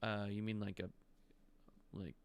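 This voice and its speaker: Guy running a tabletop game, lowish voice, super clean and bright, kinda rambly descriptions. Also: flat delivery, a little slow, clear, resonant tone, dry recording. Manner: descriptive, loose with fillers like "kinda". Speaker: game master.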